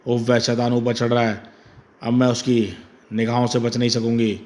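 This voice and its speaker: A man's voice: medium pitch, little pitch movement, normal speed, a little mellow, lightly acted. A man voicing a panicked young woman in a horror comic. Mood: frantic. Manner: cries out in panic and fury. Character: young woman, terrified then vengeful survivor. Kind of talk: comic audiobook voice acting.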